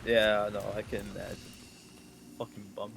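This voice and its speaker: A man's voice: on the low side, little pitch movement, normal speed, vocal fry. A man chiming in with short, laid-back reactions in a casual gameplay chat. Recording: loud background noise.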